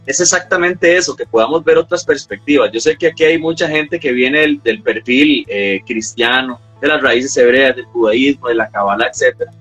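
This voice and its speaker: Bright, husky man hosting. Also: on the high side, low-quality recording. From Costa Rica. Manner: hesitant, many fillers and restarts. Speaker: host. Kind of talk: casual interview chat.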